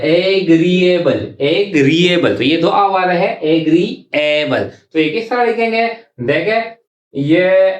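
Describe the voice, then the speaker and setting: A man teaching a shorthand class, speaking slowly and repeating example words syllable by syllable. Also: on the high side. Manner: slow and repetitive, drawing out example words syllable by syllable. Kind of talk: classroom lesson explaining while writing. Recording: echoey room.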